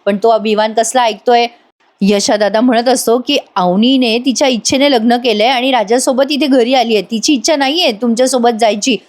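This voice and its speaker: A woman's voice: a little high, moderate pace. A woman giving a chatty voice-over recap of a TV serial episode, talking directly to her listeners. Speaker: serial reviewer.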